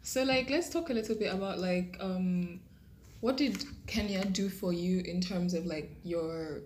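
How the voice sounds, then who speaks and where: A woman's voice: lowish voice, measured pace, darkish tone, a little hiss or hum. A young woman hosting a casual interview, chatty, with frequent filler words. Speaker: host. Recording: roomy echo.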